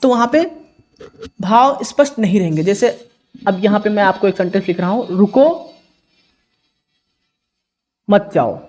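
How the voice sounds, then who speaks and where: A man's voice: sits high, fairly quick, long pauses, darkish tone. A male teacher solving an exam paper in a lesson, explaining step by step with many repetitions and self-corrections.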